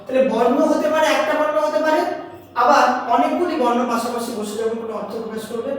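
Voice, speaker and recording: A woman with a Bengali accent teaches English grammar in a classroom lesson, explaining step by step, questioning her students and sounding out words syllable by syllable. Her voice is high and fast, with slight background noise. She is recorded from a distance in an echoey hall.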